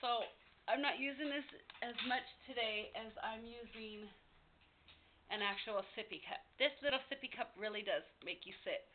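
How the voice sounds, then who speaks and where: A woman's voice: a little high, moderate pace. A woman giving a casual, candid, rambling update to viewers in an unscripted vlog style. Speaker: vlogger. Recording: tinny phone-like sound, background hiss.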